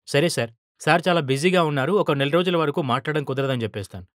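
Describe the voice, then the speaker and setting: A man's voice: a little high, fast talker, no room sound, studio quality, lightly acted. A man voicing a dutiful male manager who speaks politely and deferentially to his boss.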